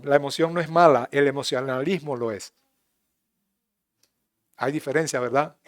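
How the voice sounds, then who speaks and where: A man with a Panamanian Spanish accent preaching a sermon in church, swinging between loud emphatic rises and quiet asides. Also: a little high. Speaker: pastor.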